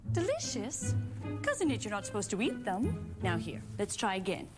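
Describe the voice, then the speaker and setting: An actress playing a gracious, gently macabre wife in a sitcom, poised and coaxing in her delivery. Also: medium pitch, huge pitch swings, normal speed, over loud music. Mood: patient. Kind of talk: sitcom acting.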